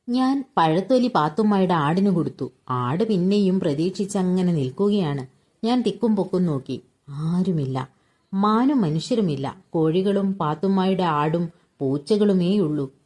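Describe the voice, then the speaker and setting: Low, mellow woman reading a story. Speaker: story reader. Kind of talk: reading a short story aloud.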